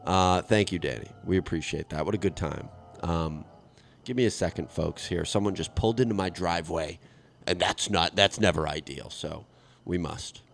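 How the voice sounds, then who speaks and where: A man's voice: low voice, moderate pace, vocal fry, soft background music. A man hosting a comedy podcast from home, riffing in a rambling, profane monologue. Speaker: podcast host.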